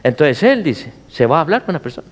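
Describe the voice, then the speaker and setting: A man's voice: fairly high pitch, sing-song, fast. A middle-aged man and pastor preaching a sermon, often asking the congregation rhetorical questions. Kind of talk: Spanish-language sermon.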